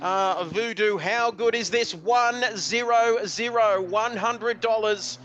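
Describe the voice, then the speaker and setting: A man giving live sim racing commentary in an excitable, emotional, fast-flowing play-by-play. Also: sits high, highs cut off, a little hiss or hum. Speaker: race commentator.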